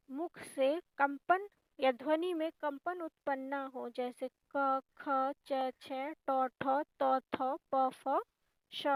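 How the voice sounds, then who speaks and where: A woman's voice: sits high, creaky, fairly bright tone, no room sound, low-quality recording. A woman teaching a grammar lesson for exam preparation, explaining each point patiently, step by step.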